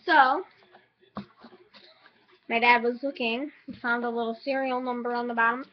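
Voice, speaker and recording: A teenage girl with hiccups chatting excitedly and rambling in a home unboxing vlog. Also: on the high side, moderate pace. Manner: excitable, rambling, many fillers. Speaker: vlogger. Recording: lo-fi home recording.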